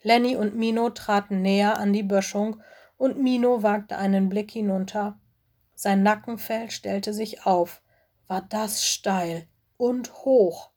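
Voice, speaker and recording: Woman, children's audiobook narrator, clear, expressive, medium pitch. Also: takes it slowly.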